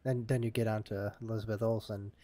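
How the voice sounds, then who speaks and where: Man in his 30s, relaxed podcast co-host, easygoing and agreeable, dry close sound. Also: fairly low pitch, fast, no echo. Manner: laid-back, agreeable, laughs often. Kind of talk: casual movie chat.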